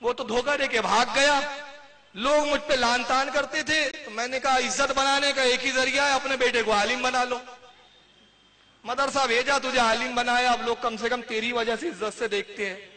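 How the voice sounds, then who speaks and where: A man voicing an aging widowed mother who confesses slowly and haltingly, in a long hall reverb. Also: very high-pitched, fairly even intonation, pushed and bright, pitched above the performer's own voice. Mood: confessing.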